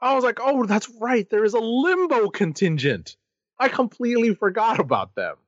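This co-host of a comic book podcast has a voice that sits high, speaking at normal speed as he goes through new issues, reading credits and chatting in a lively, casual manner. There's no echo, and the highs are cut off.

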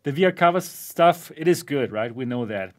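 A man's voice: medium pitch, animated, normal speed. A man hosting a casual tech podcast chat, often laughing as he talks. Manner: laughs often while talking. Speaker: host of a VR channel.

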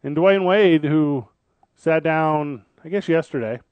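A man's voice: fairly high pitch, slow, clean tone, no room sound, muffled recording. A man hosting a sports radio show in casual, conversational talk, often repeating and rephrasing as he builds a point.

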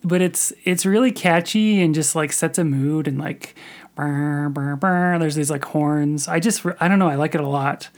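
A man co-hosting a podcast in casual chat about films, talking in a rambling, animated way with lots of restarts. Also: fairly high pitch, normal speed, hardly any pauses. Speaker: podcast co-host.

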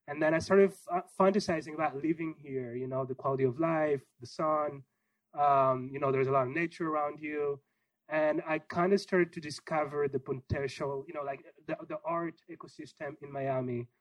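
A young man, raised in Israel after a childhood in the Congo, speaks in an easygoing, rambling way with plenty of ums and you-knows. His voice sits a little higher than most men's and is recorded dry and close. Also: normal speed, no room sound, rough recording. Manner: relaxed, rambling with many fillers. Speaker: gallery owner guest. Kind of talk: casual interview answer.

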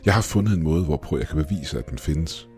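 A man voicing an obsessive, excitable young male astronomy student who talks eagerly and urgently. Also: very deep voice, faint music behind. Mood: excited.

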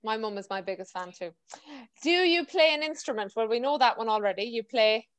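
Higher-voiced Mayo woman hosting a chat. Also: lively intonation, a little fast, smooth. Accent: west of Ireland, County Mayo. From County Mayo, Ireland. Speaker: podcast host. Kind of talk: casual chatty interview. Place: remote video call.

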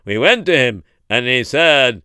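A man plays a flustered, well-off man who worries aloud and stammers through his questions. The voice is bright and clear, in a dry sound. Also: mid-range voice, animated, measured pace, no echo.

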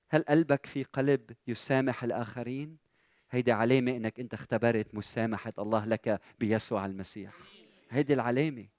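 A man with a Lebanese Arabic accent preaching a sermon as pastor, animated and asking the congregation questions with rising emphasis. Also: fairly high pitch, no room sound, studio quality.

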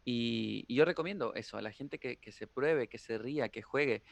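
Man, guest tarot reader, lively storyteller, dry close sound. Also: medium pitch, normal speed, creaky, no echo. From Argentina. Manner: animated storyteller, playful, slips into impressions. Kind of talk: casual interview chat.

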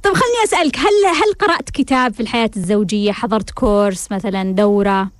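A woman's voice: mid-range voice, fast, dry recording, studio quality. A woman hosting a call-in advice show as a counselor. She probes with pointed questions. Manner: probing, asks pointed questions. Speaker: family counselor and show host.

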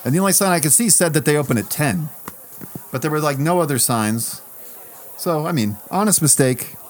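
A man's voice: on the high side, expressive, a little fast. A man co-hosting a casual podcast, telling a self-mocking story and swearing loosely as he talks. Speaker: podcast co-host. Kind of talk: casual chat.

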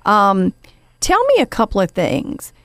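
A woman's voice: mid-range voice, huge pitch swings, measured pace, fairly bright tone, no room sound, clean studio sound. A woman hosting a podcast, telling a story in a casual, chatty way with lots of fillers and the odd "honey" for her guest. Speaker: podcast host.

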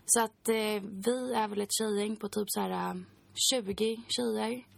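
A woman's voice: medium pitch, steady tone, gravelly, dry recording. A woman in her twenties, a podcast guest, recounting a personal story in a chatty way full of fillers.

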